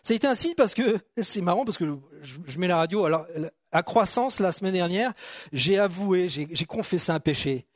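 A man's voice: high-pitched, expressive, normal speed, no echo, clean studio sound. A man preaching a sermon in a casual, joking way, with frequent restarts and questions to the congregation. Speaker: pastor.

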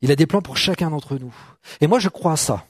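A man's voice: fairly high pitch, fairly quick, dry recording, studio quality. A middle-aged man preaching a sermon to a congregation in a conversational way, often checking in with "d'accord?" and joking with people in the room. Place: church hall.

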